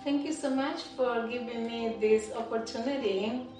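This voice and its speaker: Over music, a woman from the Dominican Republic tells her life story as an interview guest, her Dominican Spanish accent clear and her fairly high voice steady at a moderate pace. She gives this testimony indoors at home, recorded by a distant mic in a very echoey room with faint noise.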